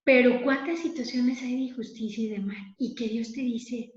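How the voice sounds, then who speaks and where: Female preacher, earnest and chatty, slightly high voice, dull roomy sound. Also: normal speed. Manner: earnest, conversational, tag questions. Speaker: preacher leading a prayer meditation. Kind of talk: spoken meditation. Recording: dull, lo-fi, echoey room.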